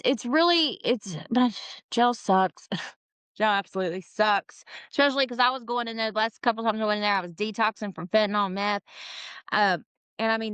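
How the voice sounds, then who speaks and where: A woman's voice: mid-range voice, a bit bright, clear, resonant tone, no room sound. A woman in her forties, an interview guest, telling her own story in a frank, casual way, laughing often and swearing freely. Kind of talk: candid personal storytelling.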